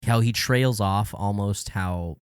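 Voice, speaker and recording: A lower-pitched man co-hosting a podcast, earnest and casual, who often restarts his sentences. The recording is dry and close, with little room sound. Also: slow pace, clear, resonant tone, no room sound. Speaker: podcast co-host.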